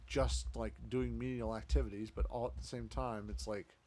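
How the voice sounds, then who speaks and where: A man's voice: medium pitch, steady tone, moderate pace, darkish tone, a little hiss or hum. A man streaming a video game, chatting casually and rambling to himself as he plays. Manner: rambling, self-talking, chatty with fillers. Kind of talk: casual gameplay commentary.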